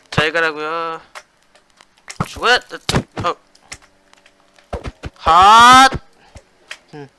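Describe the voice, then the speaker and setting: A young man hosting a gaming channel, explaining a block-building PvP match in chatty commentary, adding "yes" after nearly every phrase and shouting during fights. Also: a little high, a little hiss or hum.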